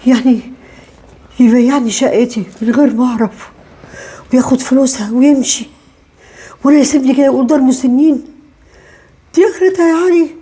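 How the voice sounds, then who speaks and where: An actress playing an older Egyptian mother who lament in shock and repeats herself, with a husky voice. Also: sits high, a little fast, long pauses, warm tone. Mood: distraught. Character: distraught older mother, betrayed and homeless. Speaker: mother evicted by her son. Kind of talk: web drama acting.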